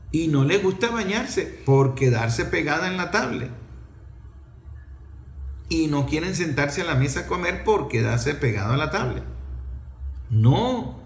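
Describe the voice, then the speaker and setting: A middle-aged man with a Venezuelan accent gives an impassioned opinion talk, emphatic and scolding, full of rhetorical questions. His voice is fairly high with vocal fry, and the sound is roomy.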